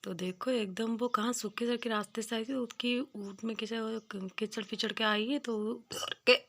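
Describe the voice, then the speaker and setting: A young woman talks her way through a casual village vlog, chatting plainly and homely. She circles back to the same points and speaks in a slightly high voice. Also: fairly even intonation, normal speed, fairly bright tone. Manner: homely, repeats points, moralizing. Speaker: village vlogger. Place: village home outdoors.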